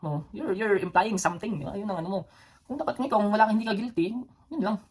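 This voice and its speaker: This vlog host's voice sits high and is slightly rough, and he talks fast. A Cebuano-accented Filipino, adult and a former soldier with children, he tells stories casually, rambling with plenty of fillers and restarts and chuckling between phrases.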